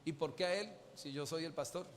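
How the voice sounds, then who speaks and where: A man preaching a sermon as pastor, questioning his congregation in an animated way. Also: fairly high pitch, brisk, long reverb tail. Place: church.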